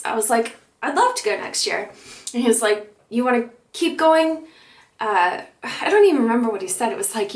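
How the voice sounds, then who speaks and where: Bubbly young woman in an echoey room. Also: fairly high pitch. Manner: bubbly, giggly, acts out both sides of conversations. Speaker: vlogger. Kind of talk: excited personal storytelling.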